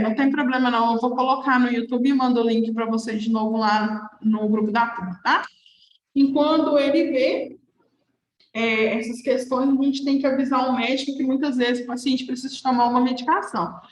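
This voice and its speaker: A young woman with a high voice gives a nursing lecture in a loose, conversational way, checking in with her class as she goes. Her voice rings in an echoey room. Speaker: nursing teacher.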